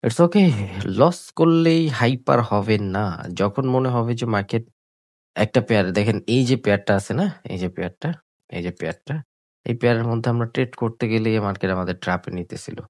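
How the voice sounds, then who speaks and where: A sick, coughing man, talking slowly through live trades on screen and repeating his points, mixing in English words. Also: mid-range voice, darkish tone, no echo. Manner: slow, repetitive explaining with English words mixed in. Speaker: trading tutor. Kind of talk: live trading screen commentary.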